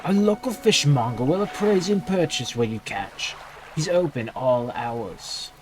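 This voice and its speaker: A man voicing a smooth, businesslike town mayor in a video game, formal and measured. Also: on the high side, expressive, faint music behind. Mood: smoothly formal.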